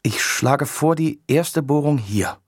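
A man voicing a measured older male scientist who speaks slowly and deliberately, in a husky voice. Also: on the high side, no room sound, clean studio sound, voice pushed up. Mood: calm.

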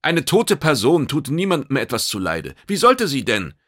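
A man voicing a calm, clever male hero who argues with cool logic in an audiobook. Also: mid-range voice, moderate pace, dry recording, studio quality, pitched above the performer's own voice. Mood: persuasive. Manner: patient, reasoning, restrained.

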